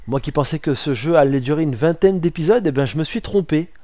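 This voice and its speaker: A man giving casual, excitable commentary while playing a war game, swearing and talking back to the game. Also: fairly high pitch, fairly quick, no room sound. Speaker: let's play gamer. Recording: game music under voice.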